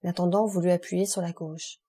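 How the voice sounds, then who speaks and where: A woman narrating a classic novel as an audiobook, measured and expressive. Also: fairly low pitch, slightly rough.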